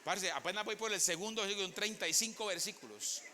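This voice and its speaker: Bright, high-voiced Colombian pastor preaching. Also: male voice, a little fast, a little hiss or hum. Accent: Colombian Spanish. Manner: dramatic storytelling, acts out characters, asks the congregation questions. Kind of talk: sermon. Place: church.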